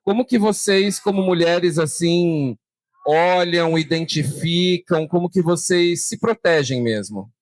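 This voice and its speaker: A Brazilian man moderates a panel, with a voice pitched a bit high. He talks casually, building long questions and tagging them with quick checks for agreement. The recording is dry and close. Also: no echo. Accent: Brazilian Portuguese. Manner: conversational, asks long framing questions with tag "né". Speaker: journalist and panel host. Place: stand at a tourism fair.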